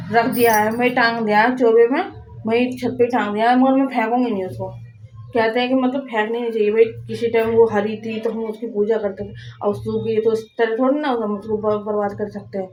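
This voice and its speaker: Hoarse chatty woman, flat pitch. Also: slight background noise, low-quality recording. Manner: rambling, chatty, with restarts. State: hoarse, sore throat. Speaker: vlogger. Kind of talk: casual vlog chat to viewers. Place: home, indoors.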